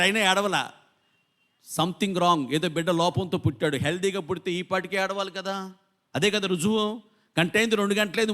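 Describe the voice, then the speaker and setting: High-voiced impassioned male pastor. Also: pushed and bright. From India. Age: 50s. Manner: impassioned preaching with repeated lists of words. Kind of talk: sermon. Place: church.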